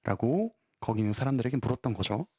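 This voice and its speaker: A male pastor preaching a sermon, telling a story to children in an animated way and asking the listeners questions that he answers himself. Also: mid-range voice, quick pace, gravelly.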